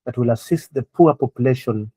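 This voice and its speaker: A middle-aged man from Kenya, a guest on a remote interview, speaking earnestly and in measured phrases with frequent pauses. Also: mid-range voice, dark tone, slightly rough, dry recording, rough recording. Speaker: guest, NGO founder.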